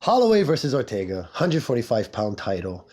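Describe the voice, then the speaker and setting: A man in his forties from Hawaii hosting a casual solo podcast. He sounds hoarse and talks in a rambling, chatty, self-mocking way. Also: medium pitch, wildly swooping pitch, a little fast, darkish tone. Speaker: podcast host.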